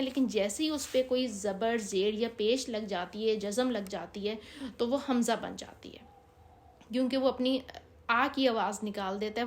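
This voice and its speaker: Woman teaching, patient, lots of uh pauses, kinda high voice. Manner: patient, explanatory, with many hesitations. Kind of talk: recorded Arabic reading lesson.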